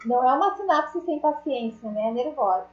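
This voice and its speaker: Teaching an online class, this high-pitched woman sounds expressive and talks a little fast, keeping things chatty and jokey as she speaks straight to her students. Her audio is dull and lo-fi, carrying a roomy echo.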